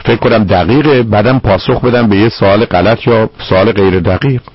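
A man's voice: fairly low pitch, slightly rough, no room sound. A man counseling a caller on a radio advice show, talking firmly and bluntly. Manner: firm, blunt, addresses caller formally. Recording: dull lo-fi radio broadcast.

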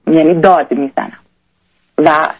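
A young woman calling in to a radio advice show, talking in a halting, hesitant way with many restarts. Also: low-pitched, steady tone, husky, highs cut off. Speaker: caller. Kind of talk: radio call-in conversation.

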